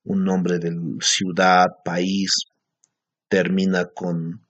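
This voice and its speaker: Deep husky teacher, slow and patient. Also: male voice, monotone. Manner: patient explaining, frequent checking tags. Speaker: Aymara language teacher. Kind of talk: recorded language lesson. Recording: dull lo-fi recording.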